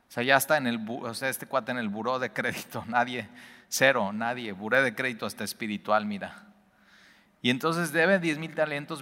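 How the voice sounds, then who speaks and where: Guy preaching, bright forceful voice, big echoey church hall. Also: medium pitch. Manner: animated, swings between emphatic and hushed. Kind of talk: sermon. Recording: long reverb of a large hall.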